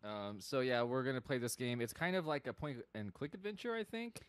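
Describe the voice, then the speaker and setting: Fast-talking, wry male gaming co-host. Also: mid-range voice, expressive, smooth, dry recording. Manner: wry, sardonic. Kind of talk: casual let's-play banter.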